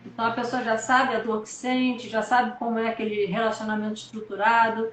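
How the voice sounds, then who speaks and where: A woman's voice: fairly high pitch, flat delivery, a little fast, a bit bright, a little hiss or hum. Woman doctor host in an echoey room. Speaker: doctor hosting a live stream. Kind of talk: live-stream conversation.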